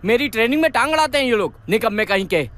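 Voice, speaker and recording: A man's voice: extremely high pitch, animated, racing, fairly bright tone. A man playing a hot-tempered, bossy uncle who scolds and threatens everyone around him. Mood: scolding. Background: background music.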